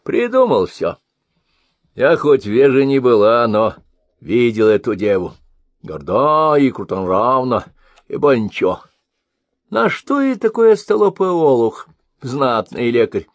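A man's voice: medium pitch, big pitch swings, measured pace, dry recording. A man voicing a fussy, scolding old village woman who chides and frets. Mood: indignant. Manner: scolding, fretful.

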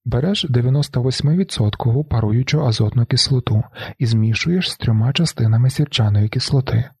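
A man reading a novel aloud in the first person, with a flat, brooding delivery. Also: medium pitch, brisk, gravelly, breathy edge, no room sound, studio quality. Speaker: audiobook narrator.

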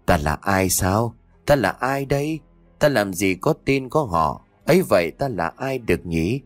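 A wild demon spirit taunts and wails from inside a possessed boy, as a male narrator puts it on. The voice is low but swings widely, set close and dry over faint music. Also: animated, a little slow, no room sound. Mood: taunting. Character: defiant young demon spirit, sly then pleading.

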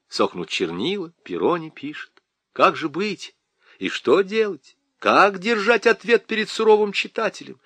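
Male narrator, ironic expressive reading, lively intonation, dry close sound. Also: on the high side, dry recording. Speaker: audiobook narrator. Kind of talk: scripted narration.

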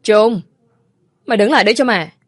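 A woman voicing a shrill, scolding older mother-in-law who shouts at her family. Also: expressive, brisk, dry recording, clean studio sound, natural voice.

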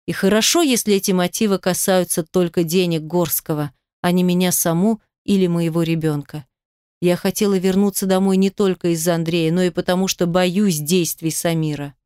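A woman's voice: on the low side, fairly even intonation, moderate pace, a little mellow, clear, resonant tone, dry recording, clean studio sound. A woman narrating a romance audiobook in the first person, reading with heartfelt emotion.

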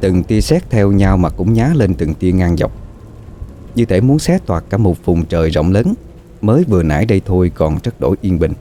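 Deep dark-voiced horror storyteller, man. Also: animated, slight background noise. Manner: slow, dramatic, suspenseful. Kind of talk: scripted horror story narration.

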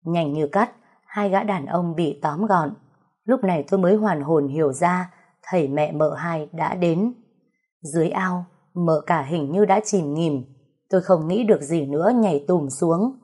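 A woman narrating a first-person story in a slow, emotional, dramatic reading. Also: on the low side, mellow, slightly rough.

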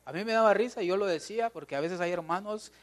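A man's voice: high voice, fast. A man with a Guatemalan Spanish accent preaching a sermon in church, joking and talking straight to the congregation.

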